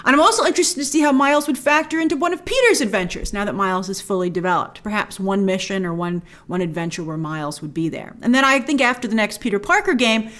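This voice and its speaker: A woman hosts a film review show, offering casual, opinionated commentary with gushing praise and heavy stress on key words. Her voice is mid-range and a bit bright.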